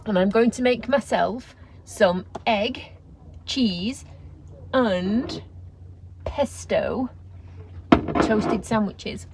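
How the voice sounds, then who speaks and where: A woman's voice: mid-range voice, a little hiss or hum. A woman chatting casually in a travel vlog, rambling and self-deprecating. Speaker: vlogger. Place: camper van and outdoors.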